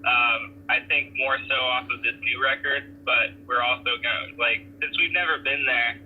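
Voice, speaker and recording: A man's voice: mid-range voice, fairly even intonation, normal speed, slight background noise. Man on a tinny Bluetooth car phone line. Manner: laid-back, many fillers and restarts. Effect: Bluetooth phone call from a car. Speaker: touring band member being interviewed. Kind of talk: casual phone interview. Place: in a car while driving. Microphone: car Bluetooth hands-free.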